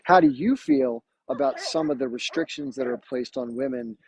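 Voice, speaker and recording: A man's voice: medium pitch, normal speed, crowd noise, low-quality recording. An American man hosting a live stream, asking rambling questions full of restarts. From United States. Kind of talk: casual live-stream conversation.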